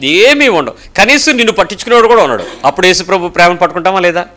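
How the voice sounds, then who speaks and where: Bright-voiced animated male preacher. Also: high-pitched, very fast. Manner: animated, rhetorical questions, mimics voices. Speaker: pastor. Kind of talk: sermon.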